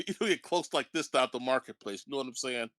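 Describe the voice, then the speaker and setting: A man's voice: medium pitch, quick pace, fairly bright tone, no room sound. A man playing a tabletop role-playing game, joking and laughing often as he slips in and out of his character. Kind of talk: casual play and table chat over voice chat.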